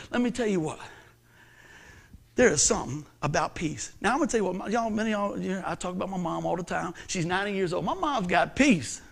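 A man in his fifties preaching a sermon as pastor, swinging from hushed, earnest lines to excited shouts. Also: high voice. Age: 50s.

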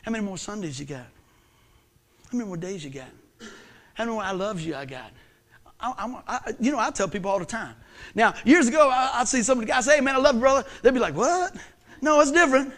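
A man preaching a sermon, swinging from hushed lines to shouted ones. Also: high-pitched. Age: 50s. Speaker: pastor.

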